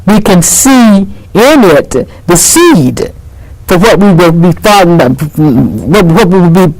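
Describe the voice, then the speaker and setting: A woman's voice: fairly low pitch, sing-song, slow pace, darkish tone, low-quality recording. This is a woman speaking as an interview guest, teaching history in a conversational but impassioned way. She is emphatic, and she repeats phrases to drive them home.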